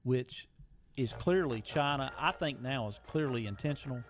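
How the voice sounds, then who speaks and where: A man's voice: medium pitch, normal speed. A man co-hosting a talk radio show, chatting casually and opinionated. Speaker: radio co-host.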